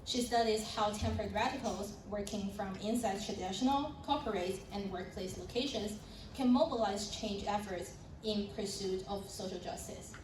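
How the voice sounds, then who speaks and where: A woman's voice: medium pitch, normal speed. Young woman, panel moderator, friendly with fillers; roomy, distant conference audio. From Taiwan. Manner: friendly, with light laughs and fillers. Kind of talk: panel introductions and presentation. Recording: roomy sound from a distant mic with background noise.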